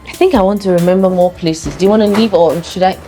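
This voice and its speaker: Teasing woman played by an actress, low mellow voice. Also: quick pace, faint music behind, natural voice.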